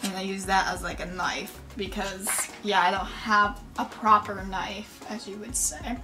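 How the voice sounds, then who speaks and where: A woman's voice: mid-range voice, fairly even intonation, a little slow, music in the background. A young woman filming a casual day-in-the-life vlog, rambling with lots of fillers and small laughs. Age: young adult. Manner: rambling, many fillers like "like" and "yeah", giggly. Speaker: vlogger. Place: dorm room, then a small campus gym. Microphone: phone or camera set up nearby.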